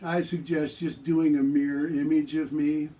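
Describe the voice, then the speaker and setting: A man giving guided tai chi and qigong movement instruction with calm, soothing, relaxed cues. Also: on the high side, moderate pace. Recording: distant microphone.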